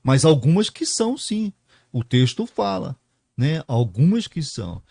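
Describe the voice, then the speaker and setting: A man's voice: fairly high pitch, big pitch swings, measured pace, creaky, warm tone, breathy edge, dry recording, clean studio sound. A male pastor preaching a sermon, explaining a Bible passage verse by verse and tagging his points with "né?" and rhetorical questions.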